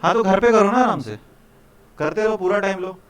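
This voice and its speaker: Casual teacher addressing a class. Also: male voice, high-pitched, fairly quick. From India. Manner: casual, repeats "ठीक है" and "भाई", coaxing students. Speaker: programming teacher. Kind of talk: live classroom lecture.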